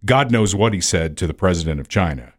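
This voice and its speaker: A man co-hosting a podcast, chatting casually about the news in a drawn-out, conversational way. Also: sits low, lively intonation. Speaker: podcast co-host. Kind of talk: casual political chat.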